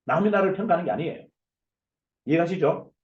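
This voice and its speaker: A man, a company CEO, giving a forceful motivational lecture over a video call, loud and emphatic, firing off rhetorical questions. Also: on the high side, brisk, reverberant, lo-fi sound. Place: online video session.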